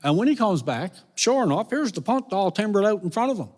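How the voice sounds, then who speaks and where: Newfoundland guy spinning an old folk tale live, chuckly and animated, big echoey hall. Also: high voice, a little fast. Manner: lively, chuckling, folksy. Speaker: storyteller. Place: concert venue, with audience. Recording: reverberant live concert hall.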